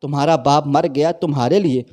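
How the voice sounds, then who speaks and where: A weary, poor old fruit-seller father speaks in a slightly raised, mellow voice, tender with his daughter and broken when she leaves him. A man voices him in a narrated story. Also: fairly high pitch, lightly acted. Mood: heartbroken. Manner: pleading, heartbroken.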